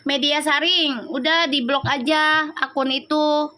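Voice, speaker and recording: A woman's voice: high voice, steady tone, unhurried, bright, forceful tone. A woman, chatting on a live stream and scolding viewer comments in a sassy, slangy way. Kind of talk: casual live-stream chat reading comments.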